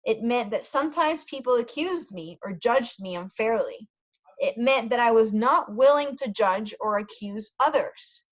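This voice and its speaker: Reading a story slowly for people learning English, a woman tutor repeats important words with care and slips in short Spanish glosses. She speaks expressively and a little slowly in a fairly high voice, captured with lo-fi sound.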